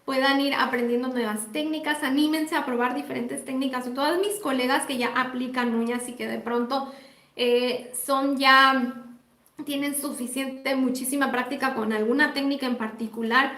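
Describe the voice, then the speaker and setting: A woman's voice: high-pitched, fairly even intonation, moderate pace, fairly bright tone, echoey room. A Mexican woman teaching nail techniques on a live stream, chatty and affectionate, greeting viewers by name. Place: indoor home workspace.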